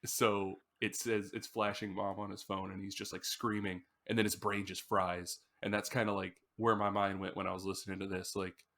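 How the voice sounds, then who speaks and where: Man, podcast co-host, casual rambling chat, lowish voice. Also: flat delivery, normal speed, hardly any pauses, a bit bright. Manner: rambling storyteller, acts out screams. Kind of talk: casual chat about music.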